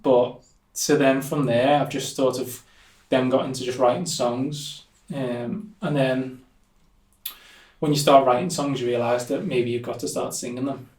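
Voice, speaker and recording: A young Liverpool man, a musician appearing as an interview guest, chats casually and rambles with plenty of fillers. His mid-range voice is a little slow and mellow, with fairly even intonation. The room is echoey and the mic sits somewhat far away.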